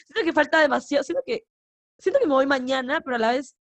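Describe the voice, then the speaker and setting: A woman's voice: high voice, expressive, fast talker, no room sound. A young woman co-hosting a casual podcast chat, rambling along with lots of filler words. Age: young adult. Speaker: podcast co-host.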